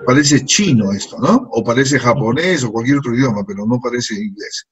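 A man's voice: medium pitch, expressive, brisk, slightly rough, poor audio. A man teaching an English class in to a group of students, patiently repeating words and phrases. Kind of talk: classroom lesson.

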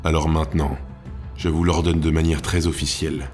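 Man voicing a calm cold guardsman, very deep voice, steady and menacing, audiobook. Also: normal speed, faint music behind. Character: cool-headed city guard, male, menacing.

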